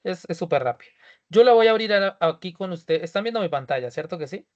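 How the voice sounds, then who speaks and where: A man's voice: sits high, animated, fast talker, dull audio. A male teacher from Colombia walking students through a form in an online class, repeating each step and checking that everyone is ready.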